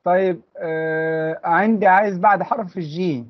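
A man's voice: high voice, fairly even intonation, moderate pace, lo-fi sound. A man with an Egyptian Arabic accent teaching English letters to children in an online class, patiently repeating each sound for the pupils to echo. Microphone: computer mic in an online class.

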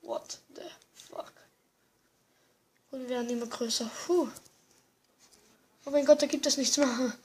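A young gamer giving excited commentary, exclaiming often and muttering to themself. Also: high voice, a little slow, long pauses, slight background noise. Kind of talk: excited let's-play commentary.

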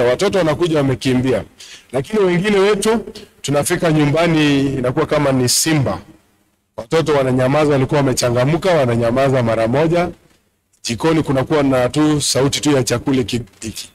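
A man's voice: fairly high pitch, fast, poor audio. A man with a Kenyan accent giving a church address, talking directly to the congregation and switching between Swahili and English. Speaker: church speaker presenting books at a camp meeting. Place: large bare church hall, at a pulpit.

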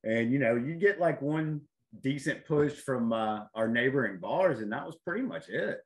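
A man's voice: mid-range voice, expressive, moderate pace. A man, a chef chatting easily as a guest on a video call. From North Carolina. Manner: easygoing, chatty, with small laughs. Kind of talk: casual video-call interview.

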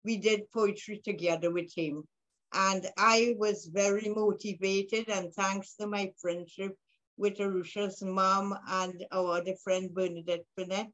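An older woman in her sixties speaks with a Vincentian accent. Her voice is medium in pitch. She talks conversationally, as a guest telling her own story on a video call. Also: highs cut off. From Saint Vincent and the Grenadines. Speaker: guest, poet and author. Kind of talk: conversational autobiographical interview answer. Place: room at home indoors.

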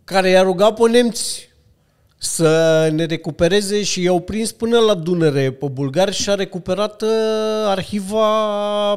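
A man's voice: high voice, smooth. A man as a podcast guest, telling anecdotes in casual chat with lots of filler sounds.

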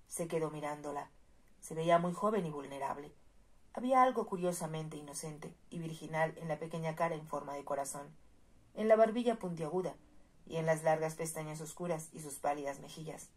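A woman narrating a romance novel chapter as a soft-spoken audiobook reading, in a measured, even storytelling manner. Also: low voice, slightly rough.

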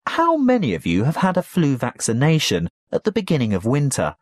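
A man playing a health lecturer, giving a scripted academic lecture with measured, explanatory delivery. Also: medium pitch, wildly swooping pitch, dry recording. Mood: formal, instructive. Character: male health lecturer addressing young students.

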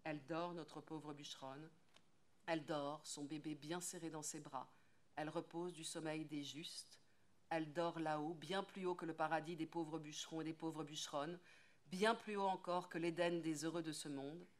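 A French actress reading a tale aloud, rhythmic and lilting, leaning on repeated phrases. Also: female voice, sits low, steady tone, moderate pace. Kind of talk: expressive literary reading.

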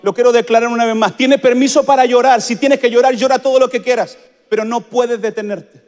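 A man's voice: very high voice, fairly even intonation, fairly quick, darkish tone. Man, pastor, repeats lines for emphasis, long hall echo. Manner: emphatic preaching, repeats phrases for stress. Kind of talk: sermon.

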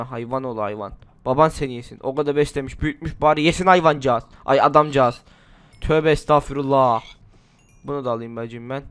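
Recorded dry, this gaming channel host has a clear, resonant voice on the high side. Slightly ill, he talks to himself and rambles chattily while working through a survival game in casual commentary.

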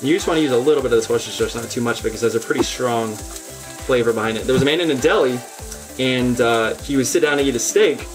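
Recorded on a lapel mic in a home kitchen, a cooking show host in his thirties gives sincere step-by-step directions punctuated by deadpan humor. He talks quickly in a mid-range voice, with music running underneath.

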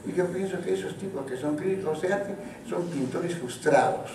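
An older man with a Peruvian Spanish accent tells a folk legend in a wry, unhurried storytelling manner. He often stumbles and restarts his words. He sounds far from the microphone in a very echoey hall, with faint noise behind him. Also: on the high side. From Peru. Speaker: painter speaking at a tribute. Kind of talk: informal talk retelling a folk myth.

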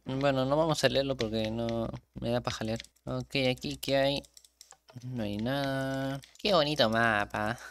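A man's voice: medium pitch, fairly even intonation, unhurried, a bit bright, a little hiss or hum. A young man chatting casually while playing a horror game, rambling and restarting his sentences, with trouble pronouncing his R sound. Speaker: gaming YouTuber.

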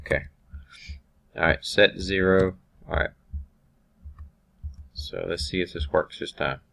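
A man teaching automation software over a screen recording, thinking aloud with ums and restarts. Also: deep voice, fairly even intonation, measured pace, vocal fry. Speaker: automation instructor.

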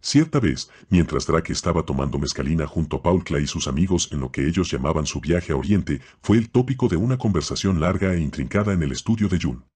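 A man narrating an audiobook in a steady, unhurried storytelling manner. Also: rumbling low, slightly rough.

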